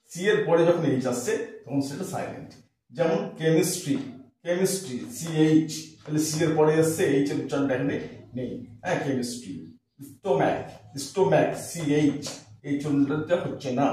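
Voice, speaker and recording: A man's voice: on the high side, a little mellow, distant mic. Man teaching in an echoey room. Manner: spells words letter by letter and repeats them, asks checking questions. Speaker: English teacher. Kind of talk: pronunciation lesson.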